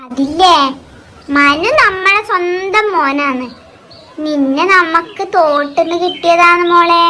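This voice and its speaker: A very high, bright cartoon grandmother, fond and teasing, spinning a tall tale for a small child, as a woman acts her out. Her voice stays thin and piercing, pitched far above a usual adult's. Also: slow, a little hiss or hum, exaggerated voice. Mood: storytelling. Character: doting teasing old grandmother. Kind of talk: cartoon voice acting.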